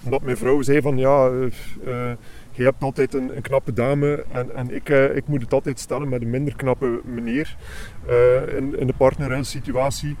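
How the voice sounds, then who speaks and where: A man's voice: mid-range voice, little pitch movement, moderate pace, a little mellow, slight background noise. A man with a Flemish accent, his voice digitally disguised for anonymity, hesitantly telling his story in a casual interview outdoors. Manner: hesitant, many fillers and restarts. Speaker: interviewee, part-time gigolo. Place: outdoors on a park bench.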